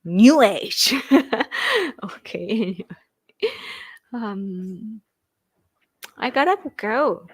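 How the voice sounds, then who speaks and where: A woman in her thirties with a Japanese accent hosts a casual livestream, rambling, reading viewer comments, laughing often and thanking her viewers. Her medium-pitched voice is slightly rough, with lively intonation, drawn-out words and frequent pauses. The recording is dry.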